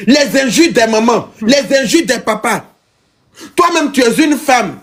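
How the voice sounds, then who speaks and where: A man's voice: very high-pitched, animated, measured pace, fairly bright tone. A man hosting a live online panel, talking in an emphatic, argumentative way and pushing back at his guests.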